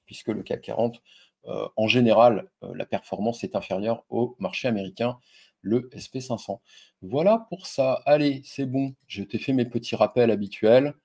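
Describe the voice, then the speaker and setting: Husky, mellow-voiced man explaining stocks. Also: on the low side. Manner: loose and chatty, frequent fillers and crude slang; addresses viewer directly and informally. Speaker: stock investing video host. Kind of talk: casual screen-share investing explainer.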